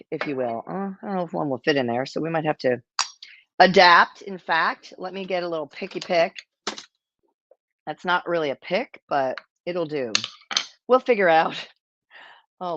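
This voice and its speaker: A woman's voice: low voice, lo-fi sound, noisy background. Chatty woman hosting a cocktail demo. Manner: chatty and self-deprecating, rambling asides. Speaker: cocktail show host. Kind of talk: casual cocktail-making demo.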